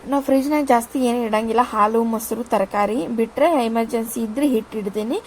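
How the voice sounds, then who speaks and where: A woman's voice: a little high, normal speed, a little mellow, a little hiss or hum, low-quality recording. A woman, chatting casually to viewers as she cooks in her home kitchen. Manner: chatty, rambling, addresses viewers with "ri". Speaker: vlogger. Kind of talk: casual cooking narration.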